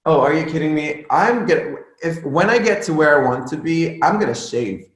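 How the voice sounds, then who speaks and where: A man's voice: fairly high pitch, expressive, moderate pace. A man of twenty-five, a musician, chatting candidly and jokily as an interview guest. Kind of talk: casual interview chat. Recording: roomy echo.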